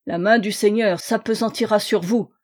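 A man's voice: sits high, fairly even intonation, moderate pace. A woman reading a vain, rich young suitor with a nasal voice. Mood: menacing.

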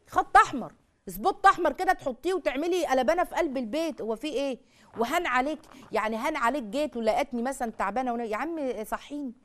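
A fast-talking Egyptian woman teaching a religious lesson with a high-pitched voice. She keeps things lively, throwing rhetorical questions at her listeners and acting out short exchanges as she goes. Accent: Egyptian Arabic. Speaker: lecturer on marriage and family.

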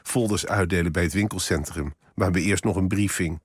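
Give me a man voicing a laconic middle-aged Easter bunny, deep-voiced, in a dry studio. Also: brisk, slightly rough, no room sound. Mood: flat.

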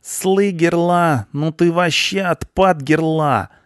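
A man's voice: slow pace, smooth, dry recording, studio quality. A man voicing a brash, slangy young male punk in an audiobook. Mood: cocky. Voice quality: high, squeaky, slangy drawl. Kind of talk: audiobook character voice.

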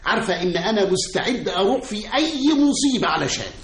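An actor with an Egyptian accent playing a fawning, lovesick suitor who pleads earnestly in an old radio comedy. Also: male voice, sits high, big pitch swings, quick pace. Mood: wooing. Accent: Egyptian Arabic. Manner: wheedling, earnest pleas. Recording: roomy old radio studio recording.

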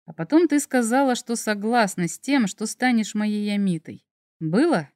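Teasing dragon emperor in an audiobook, a woman reader doing a lowered male voice, soft and smug, dry booth sound. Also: animated, normal speed, no echo, close to an everyday voice. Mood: tender. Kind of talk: audiobook character voice.

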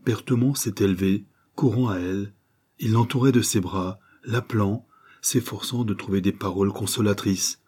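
A man narrating a nineteenth-century novel aloud in a dramatic, measured reading. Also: fairly low pitch, a little mellow, breathy edge. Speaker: audiobook narrator. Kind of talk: literary narration.

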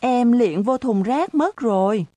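A cheeky, naive little schoolgirl, put on by a woman reading an audiobook, chirps her stubborn questions in a raised, bright voice. Her delivery is slow and unhurried, and the recording is close and dry, with no room around it. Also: a little high, animated, no room sound, pitched above the performer's own voice. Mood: innocent, chirpy.

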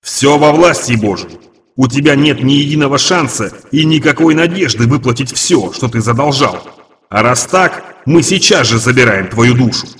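A man voicing a menacing male demon creditor with an echoing demonic voice effect, loud, slow and commanding. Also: medium pitch, lively intonation. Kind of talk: audiobook reading.

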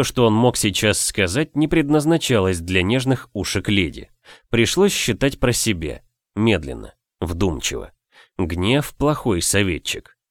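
A man narrating a novel as an audiobook in expressive storytelling. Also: fairly low pitch, no room sound, clean studio sound.

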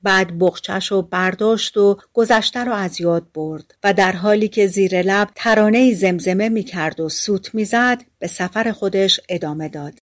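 A woman narrating a fairy tale audiobook in a calm, measured way. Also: medium pitch. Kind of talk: scripted storybook narration.

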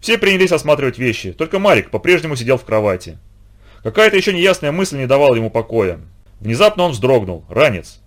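A man narrating a children's audiobook in an expressive storytelling manner. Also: mid-range voice, quick pace. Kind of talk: scripted narration.

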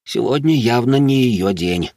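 A man narrating a first-person fantasy audiobook in a low-key, wry way. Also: lively intonation, unhurried, darkish tone, dry recording, clean studio sound.

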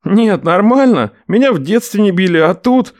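A man's voice: sits high, lively intonation, moderate pace, no echo, clean studio sound, voice pushed up. A man doing a whiny wisecracking young man.

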